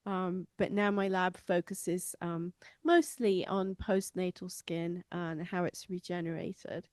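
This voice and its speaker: A woman's voice: lowish voice, steady tone, takes it slowly, a little mellow, no echo, studio quality. A woman from England with an English accent, speaking in front of an audience as a biologist informally explaining science to lay listeners. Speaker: stem cell biologist, guest speaker.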